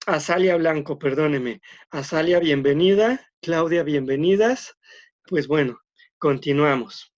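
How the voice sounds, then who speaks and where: Male teacher, online lecture, filler-heavy explanations, somewhat high pitch. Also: a little slow, highs cut off. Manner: explanatory, many "este" fillers, repeats words.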